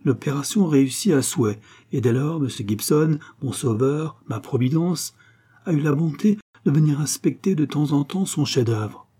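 A man's voice: on the high side, normal speed, mellow, husky, pitched above the performer's own voice. A man reading the lines of a young Parisian wife, earnest and pleading as she confesses.

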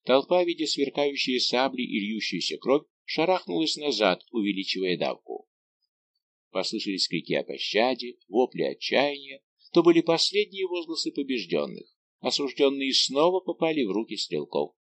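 A man's voice: medium pitch, moderate pace, no room sound. A man narrating an adventure novel as an audiobook, telling it in a dramatic, vivid way. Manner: expressive, vivid storytelling.

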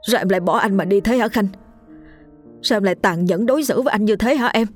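A woman's voice: mid-range voice, fast talker, faint music behind, voice pushed up, close to an everyday voice. Frightened young man, tearful and stammering, voiced by a woman narrator. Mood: sobbing.

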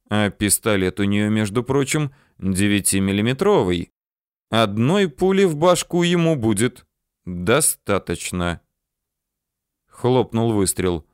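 A man narrating an audiobook in an expressive, dramatic reading. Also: mid-range voice, clear, resonant tone, no room sound, clean studio sound.

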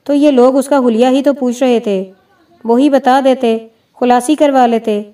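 A blunt army major, impatient and curt, read by a woman with a mellow, fairly high voice. He presses with short questions. The mic is set well back. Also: fairly even intonation, natural voice. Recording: distant mic.

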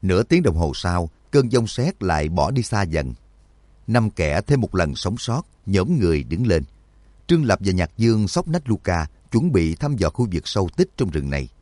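A man narrating an audiobook in an expressive, vivid storytelling manner. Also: deep voice, no room sound.

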